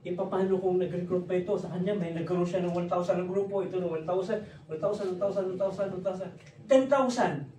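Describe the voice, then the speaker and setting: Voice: medium pitch, fairly even intonation, brisk, warm tone, far from the mic. A business presenter giving a jokey seminar talk, who keeps quizzing a live audience in an office hall. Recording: roomy hall, recorded from afar with audience noise.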